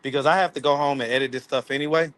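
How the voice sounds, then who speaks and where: A man's voice: medium pitch, fairly even intonation, rapid-fire, a bit bright. A man, hosting a casual live stream from his phone, loose and playful, laughing often. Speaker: livestream host. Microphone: phone camera.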